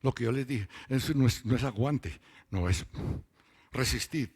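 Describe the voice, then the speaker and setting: Preaching his testimony to a church gathering, a lay preacher uses a mid-range, slightly mellow voice with a breathy edge. His delivery is storytelling, with emphatic words drawn out long.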